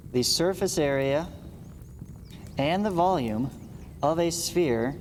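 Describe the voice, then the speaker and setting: A math teacher gives a read-along lesson, reading aloud and breaking off for informal, folksy explanations. His voice is medium-pitched with a darkish tone. The room is echoey, and background noise is clearly audible.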